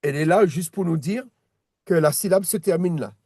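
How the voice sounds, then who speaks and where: A man's voice: on the high side, normal speed, a little mellow, no echo, clean studio sound. A man teaching a one-on-one reading lesson, patient, repeating words and restarting his sentences as he explains. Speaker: Hebrew teacher.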